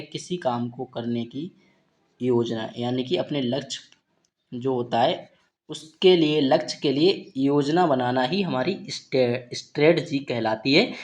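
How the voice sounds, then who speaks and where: A woman's voice: deep voice, a little mellow. A woman teaching an English vocabulary lesson, spelling words out letter by letter and checking in with a repeated "okay" after each point.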